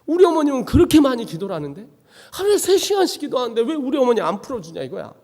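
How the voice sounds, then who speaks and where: A man preaching a dramatic testimony sermon as a missionary, swinging from hushed to shouting. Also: very high-pitched, big pitch swings, quick pace, long reverb tail. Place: church sanctuary.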